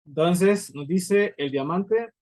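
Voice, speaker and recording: A man's voice: high-pitched, takes it slowly, darkish tone, dry recording, rough recording. A man teaching a physics lesson, explaining step by step and often checking in with his students. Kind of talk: recorded lecture at a writing board.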